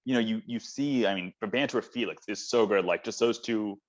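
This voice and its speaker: A man's voice: fairly low pitch, fairly quick. Eager man chatting films, lo-fi. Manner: enthusiastic, rambling with fillers. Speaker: podcast co-host. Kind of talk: casual chat about films. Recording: dull lo-fi audio.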